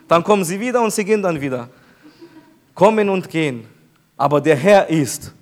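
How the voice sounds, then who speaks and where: A man with a notably high speaking voice delivers a sermon as pastor. He preaches with emphasis and stretches out key phrases slowly, repeating them for weight. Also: lively intonation.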